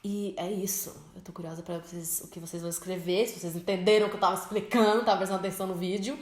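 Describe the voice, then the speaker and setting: A young Brazilian woman with a Brazilian Portuguese accent, teaching English in a chatty, expressive vlog style and slowing down to spell words out. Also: lowish voice. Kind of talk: casual vlog-style lesson. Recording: echoey room.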